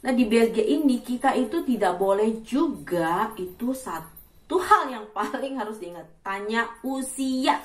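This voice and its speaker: A woman in her thirties in casual vlog chat, acting out loud greetings. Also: fairly high pitch, lively intonation, a little slow, roomy sound, far from the mic. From Indonesia. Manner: chatty, acts out loud greetings. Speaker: vlogger.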